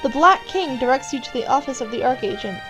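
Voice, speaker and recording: This is second-person story narration from a script, read quickly and expressively by a woman with a high-pitched voice who speaks to the listener as the character. Music runs in the background.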